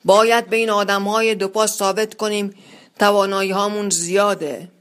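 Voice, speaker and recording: A pompous leader rallying his wheelchair-bound group with big speeches, voiced by a storyteller. He declaims with confident, booming conviction. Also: little pitch movement, fairly bright tone, lightly acted. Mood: rousing.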